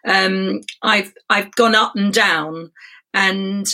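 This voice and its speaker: A middle-aged woman with a croaky, hoarse frog-in-the-throat voice, chatting casually as a podcast guest. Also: medium pitch, fairly even intonation, very slow, pushed and bright. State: hoarse after illness. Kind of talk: casual chat.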